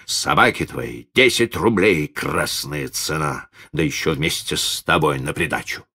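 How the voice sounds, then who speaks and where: Man playing a stout bossy doctor, deep bass, condescending, storybook. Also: measured pace, bright, forceful tone, slightly rough, full character voice. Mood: pompous menacing. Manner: condescending, booming.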